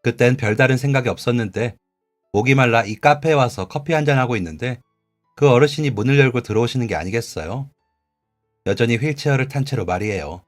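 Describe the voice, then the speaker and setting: A man voicing an earnest, gentle male café regular who pleads sincerely, read as a radio drama. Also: mid-range voice, lightly acted.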